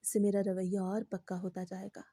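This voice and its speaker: A woman voicing a calm, defiant wife who answers back in a composed, matter-of-fact way. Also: mid-range voice, lightly acted. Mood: calm defiance.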